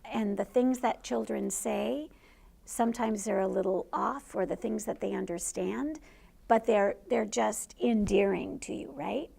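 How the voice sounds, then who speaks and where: A woman's voice: medium pitch, measured pace, creaky, dark tone, slightly rough. A middle-aged woman, a teacher, telling a personal story in a conversational way to an audience. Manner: conversational, laughs through funny parts.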